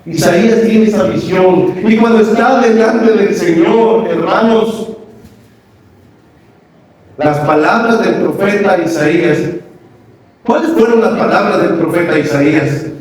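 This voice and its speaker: A man's voice: high-pitched, a little slow, long pauses, darkish tone. A man, preaching a sermon and asking the congregation questions. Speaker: pastor. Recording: echoey hall, mic far off.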